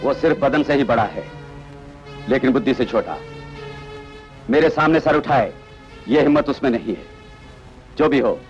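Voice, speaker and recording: A brooding, arrogant villain who speaks in a low, menacing voice, dubbed by a man. The track is dull and lo-fi, as in an old dubbed film. Faint music plays underneath. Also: moderate pace, pauses often, natural voice. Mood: contemptuous. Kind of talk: Hindi film dubbing.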